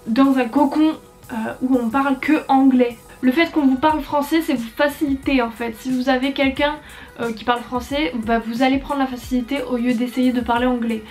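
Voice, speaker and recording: A woman's voice: high-pitched, a little mellow. A woman in her twenties chatting casually to camera with lots of fillers and hesitations, giving tips on learning English. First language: French. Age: 20s. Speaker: YouTuber. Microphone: compact camera.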